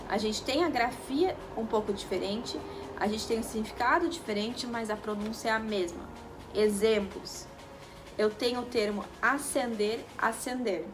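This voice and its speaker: A woman teaching a lesson, explaining step by step and checking in with the viewers as she goes. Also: mid-range voice. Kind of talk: video lesson. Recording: music bed under the voice.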